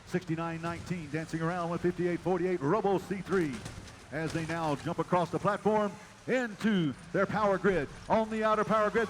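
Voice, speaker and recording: A man giving live play-by-play commentary at a robotics competition, energetic and building to shouts at the close. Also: high-pitched, a little hiss or hum. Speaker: match announcer.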